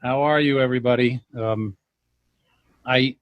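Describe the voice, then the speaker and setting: A man with an American accent, a native English speaker, speaking halting, hesitant Spanish mixed with English in a casual greeting on a video call. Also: mid-range voice, fairly even intonation, no echo, muffled recording. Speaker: guest.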